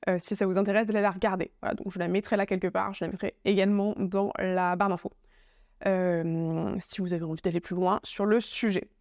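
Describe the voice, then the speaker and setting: Seated in her home office with a bookshelf, a chatty French woman presents a book review to the camera facing her, laptop notes ready, in a casual YouTube vlog. Her mid-range voice holds a level tone with a darkish color and a brisk pace. Fillers, restarts, and playful asides run throughout, and the recording is dry and close with no room sound.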